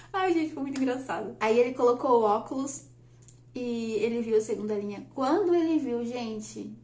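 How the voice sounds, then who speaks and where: A woman, telling a personal story on her vlog in a chatty, lively way and laughing often. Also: a little high, normal speed. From Brazil. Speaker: vlogger. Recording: echoey room.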